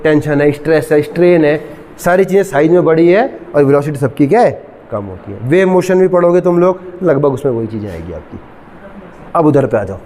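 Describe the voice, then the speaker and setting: A middle-aged man teaching a physics class, mixing English terms into his lecture, regularly checking whether students follow, and slowly dictating definitions. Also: a little high, dark tone, in a large hall. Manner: asks students frequent check questions, mixes English terms.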